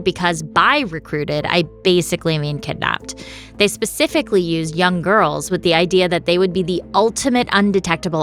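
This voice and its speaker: Woman co-hosting a podcast, lowish voice, playful and teasing, faint music under. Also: fairly bright tone. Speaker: podcast co-host. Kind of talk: scripted podcast narration.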